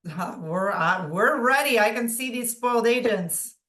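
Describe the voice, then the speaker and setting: A woman's voice: a little high, expressive, normal speed, a bit bright, slight background noise. A woman co-hosting a webinar, chatty and giggly, playing along with game-show banter. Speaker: webinar co-host. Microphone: video call.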